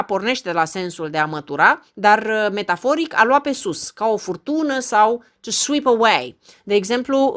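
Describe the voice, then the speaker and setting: A woman teaching English verbs in an online lesson. She slows down and speaks each English example very clearly, then explains it. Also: medium pitch, a bit bright.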